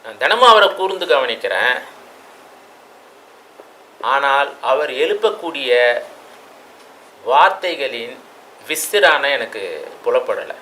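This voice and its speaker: A man giving a reflective lecture, asking rhetorical questions and stressing words with sudden loudness. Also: mid-range voice, sing-song, slow, pauses often, a little hiss or hum, rough recording. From Tamil Nadu. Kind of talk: classroom lecture.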